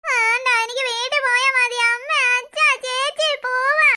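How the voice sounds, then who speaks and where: Cartoon little boy, tearful and pleading, very high and bright, played by a voice actor. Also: steady tone, unhurried, full character voice. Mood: crying. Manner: whiny, pleading. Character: small crying schoolboy, scared and stubborn.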